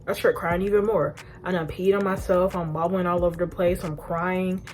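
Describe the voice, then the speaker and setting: A young woman vlogger telling an animated storytime to her phone camera, often laughing at herself. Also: fairly low pitch, moderate pace. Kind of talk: storytime vlog.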